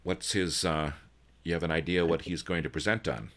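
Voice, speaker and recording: A man's voice: low voice, fairly even intonation, moderate pace, fairly bright tone. A man hosting an online user group meeting, casual and joking, with frequent ums and restarts, heard over a video call. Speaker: user group organizer and host.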